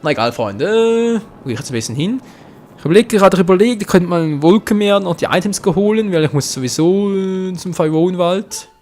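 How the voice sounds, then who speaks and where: A young man giving let's play commentary, his voice lively and leaping up and down in pitch as he reacts. He is excitable, swears often and keeps talking to his viewers. Faint game music plays behind him. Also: fairly quick.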